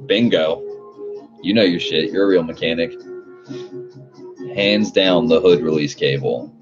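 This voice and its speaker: This car livestream host has a low voice and talks unhurriedly, chatting like a frat bro with plenty of "dude" and swearing as he reads out viewer comments. The audio is muffled, with loud music playing behind him.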